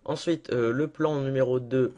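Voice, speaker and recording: Chatty young man giving a software tutorial. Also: medium pitch, steady tone, moderate pace, lo-fi sound. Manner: chatty, self-deprecating, lots of fillers. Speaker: tutorial maker. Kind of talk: casual screen-recorded software tutorial.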